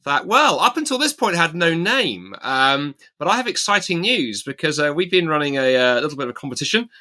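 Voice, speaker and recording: A man hosting a casual podcast chat, playful and fond of puns, speaking haltingly with many fillers. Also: fairly high pitch, big pitch swings, pushed and bright. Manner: hesitant, many fillers and restarts. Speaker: podcast host.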